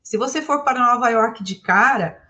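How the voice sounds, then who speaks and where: A woman from Brazil whose first language is Portuguese, giving a lively talk as an English teacher and asking her audience questions. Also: fairly high pitch, moderate pace. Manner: animated, asks the audience questions.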